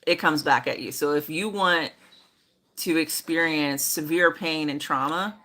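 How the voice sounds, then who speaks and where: A middle-aged woman chatting casually about ghost hunting trips, relaxed and full of fillers. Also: low-pitched, a little slow, poor audio. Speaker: mother and moderator of the stream. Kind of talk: casual chat.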